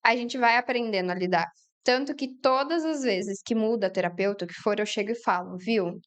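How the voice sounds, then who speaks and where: A woman's voice: fairly high pitch, fairly quick. A woman, a mother of three, talking candidly as an interview guest about everyday family life. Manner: candid, talks through everyday family scenes. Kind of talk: conversational interview.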